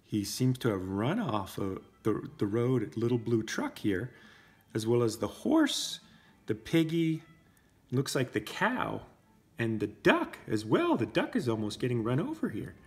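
In a brick-walled indoor room, a man in his thirties reads a storybook to a preschool class as a parent, picked up by a camera a short distance away. He is expressive and drops in simple casual asides. His mid-range voice is unhurried, with big pitch swings.

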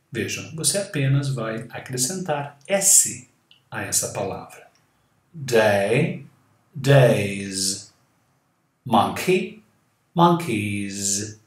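A Brazilian man who speaks Portuguese natively, teaching English grammar and slowly repeating each example word. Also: medium pitch, roomy sound. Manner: models words slowly and repeats them. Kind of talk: slow, deliberate grammar lesson.

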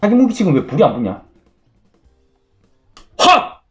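A man playing a game on camera, narrating in a hammy, mock-pompous way with sudden shouted outbursts. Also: fairly high pitch, very animated, normal speed, faint music behind. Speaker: gaming YouTuber. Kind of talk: comedic game commentary.

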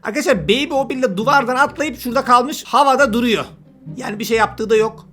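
A man's voice: very high-pitched, fast talker, sharp tone, faint music behind. A man giving casual let's-play commentary, chatty and teasing, talking to the game's characters as he plays. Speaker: gameplay commentator.

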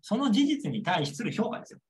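A man's voice: high voice, wildly swooping pitch, brisk. A young man lecturing on a model exam answer, repeating key points and checking understanding with rhetorical questions.

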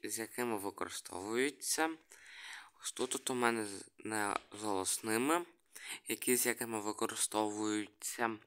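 A man hesitantly explaining the alphabet, tenses and grammar of a language he invented, going through his slides with many pauses and restarts. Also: mid-range voice, a bit bright. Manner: hesitant, reading letters one by one, many restarts. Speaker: hobbyist presenting a made-up language. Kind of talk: screen-share explainer.

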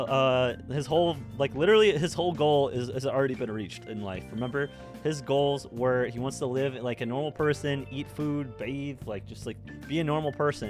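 A young man casually reacting to and discussing an anime episode at home, laughing often and breaking into loud exclamations. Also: medium pitch. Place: home room with a red-walled display shelf, indoors.

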